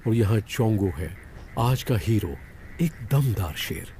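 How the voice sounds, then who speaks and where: A man narrating a wildlife documentary in a dubbed voice-over, explaining calmly. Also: fairly low pitch, takes it slowly, a little hiss or hum.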